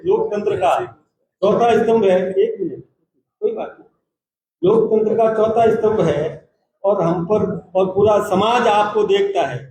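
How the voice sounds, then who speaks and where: A man, a party state president, giving a formal, measured press conference statement and taking reporters' questions in turn. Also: sits high, warm tone. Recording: roomy echoey hall.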